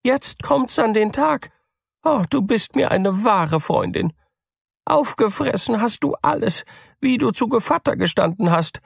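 A man's voice: very high-pitched, animated, unhurried, vocal fry, breathy edge, dry recording, clean studio sound, voice pushed up, exaggerated voice. A man voicing a poor, trusting female mouse in a fairy tale, fretful and easily puzzled. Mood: upset.

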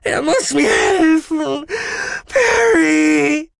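A man's voice: very high-pitched, expressive, extremely slow, no room sound, clean studio sound, pitched above the performer's own voice, heavily acted. Wailing entranced alien girl, as a man puts her on. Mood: panicked. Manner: croaking, wailing cries. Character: frail, haunted girl screaming in a trance.

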